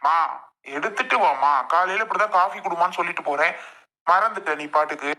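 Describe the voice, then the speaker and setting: A woman's voice: on the low side, a little fast, sharp tone. A performer voicing an impatient, exasperated young husband and son who bickers with his family in a comedy sketch.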